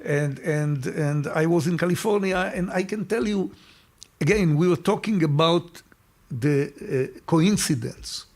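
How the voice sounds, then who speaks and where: His voice sits on the high side at a measured pace: an older Israeli-accented man, guest in a relaxed interview. He shares stories warmly, frequently repeating words as he hunts for what he means.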